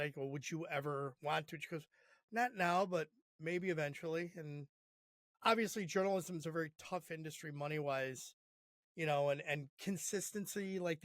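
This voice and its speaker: A man's voice: a little high, fairly bright tone, dry recording. A man from the Chicago area hosting a podcast, asking friendly, rambling questions. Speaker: podcast host. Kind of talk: conversational interview.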